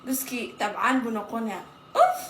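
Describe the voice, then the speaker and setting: Somali accent woman ranting casually to followers, highish voice, blunt n exclamatory, roomy echo. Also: normal speed, a bit bright. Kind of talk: casual ranting chat to followers, mixing two languages. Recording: echoey room with faint background noise.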